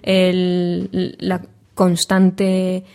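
Mellow, flat-voiced woman interviewer. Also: fairly low pitch, drawn-out words, creaky, clean tone. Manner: thoughtful, winding questions. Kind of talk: casual interview.

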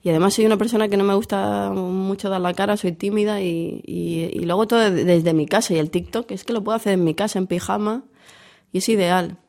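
Hoarse woman with a cold. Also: medium pitch, steady tone, fairly quick, a little mellow. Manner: candid, chatty, self-deprecating. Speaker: comics author and editor. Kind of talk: casual interview.

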